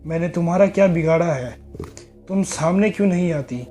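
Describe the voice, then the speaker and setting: A terrified young man , played by the male narrator, pleads and shouts frantically inside a haunted ruin. The voice is fairly high but mellow, with faint music behind it. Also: a little fast, lightly acted. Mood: frantic.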